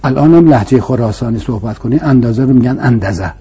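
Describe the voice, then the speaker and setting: Speaking at medium pitch in an animated, mellow voice with a breathy edge, a man walks an interviewer through philosophical ideas. His conversational lecture is patient and emphatic, full of rhetorical questions and repeated points.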